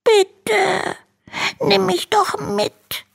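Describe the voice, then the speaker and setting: Woman doing a storybook dragon child: very high, squeaky, tearful, timid. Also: flat delivery, drawn-out words, vocal fry, full character voice. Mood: eager pleading. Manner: squeaky, whimpering, tearful pleading. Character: tiny timid young male dragon, lonely and pleading. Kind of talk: storybook reading.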